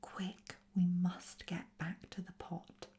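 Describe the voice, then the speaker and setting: A woman voicing a cautious male frog helper who croaks his words, in a whispered role-play. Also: on the low side, little pitch movement, slow pace, dark tone. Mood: urgent. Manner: croaky, urgent.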